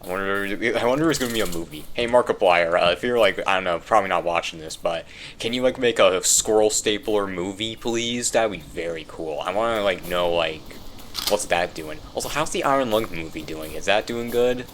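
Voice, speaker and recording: Low-voiced young man gaming. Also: brisk, slight background noise. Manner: rambling, loud frustrated outbursts. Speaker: gamer. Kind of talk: casual gameplay commentary.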